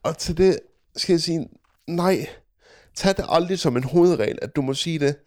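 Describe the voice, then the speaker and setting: A man in casual chat, telling a story in a dry, joking way with a gravelly voice. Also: fairly high pitch, a little mellow.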